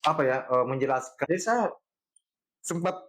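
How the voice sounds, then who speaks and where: Palu-accent guy hosting, fires off short questions, fairly high voice. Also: expressive, moderate pace, a bit bright. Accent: Palu Indonesian. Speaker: podcast host. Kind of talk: conversational interview.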